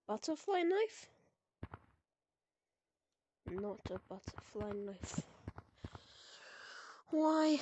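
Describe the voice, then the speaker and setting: Slow-talking high-voiced woman gamer. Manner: chatty, excitable reactions, humming to self. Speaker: gameplay video creator. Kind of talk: casual gameplay commentary. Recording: constant clear background noise.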